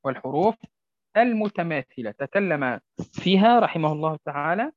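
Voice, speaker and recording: A male Quran recitation teacher giving a tajweed lesson on a poem, slowly drawing out and repeating example words. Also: on the high side, expressive, dry recording. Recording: dry, dull lo-fi sound.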